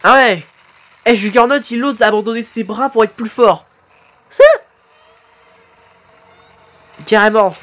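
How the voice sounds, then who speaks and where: A man commenting live on videos his subscribers made, excitable and quick to exclaim and swear. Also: high voice, slight background noise. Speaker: YouTuber reacting to fan animations.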